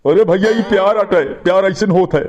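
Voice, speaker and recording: A woman's voice: mid-range voice, a little fast, a little mellow, highs cut off, pitched below the performer's own voice, close to an everyday voice. A woman putting on a village man in a cartoon comedy, answering plainly in an Awadhi accent.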